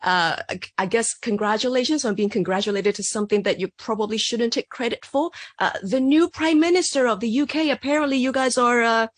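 A woman's voice: on the high side, fairly quick, hardly any pauses, dry recording. A woman radio interviewer, enthusiastic and teasing with her guest.

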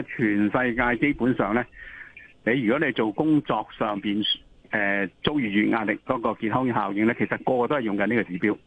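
Male expert interviewee on a thin, slightly noisy phone connection, Hong Kong Cantonese accent, instructive, repeats key points. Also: medium pitch. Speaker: interview guest, occupational health expert. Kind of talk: explanatory interview answers. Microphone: telephone call. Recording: tinny phone line with noise.

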